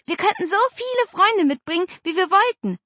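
A woman's voice: medium pitch, normal speed, fairly bright tone, no echo, natural voice. A woman voicing a cheeky, eager young boy who teases and daydreams aloud, in a storybook reading. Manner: teasing, eager. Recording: slightly dull dry recording.

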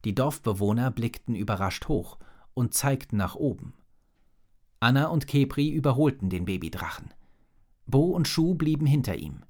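A man narrating a children's storybook with an expressive reading. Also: mid-range voice, normal speed.

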